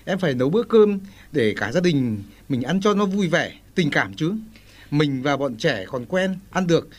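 Man as a preachy middle-aged husband, fairly high voice. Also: lively intonation, normal speed, darkish tone. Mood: earnest. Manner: earnest, lecturing. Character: earnest, lecturing family-man husband.

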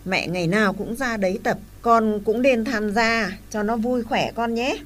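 A woman's voice: on the high side, moderate pace, a little hiss or hum, lightly acted. Woman as an older grandmother, firm and lecturing. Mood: advising. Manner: scolding, then advising. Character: older grandmother, wise and scolding.

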